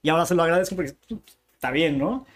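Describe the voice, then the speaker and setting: A bookshop owner from Tijuana talks in rapid-fire bursts with a fairly high-pitched voice and a northern Mexican Spanish accent. Telling stories in a relaxed interview, he's animated and full of slangy asides.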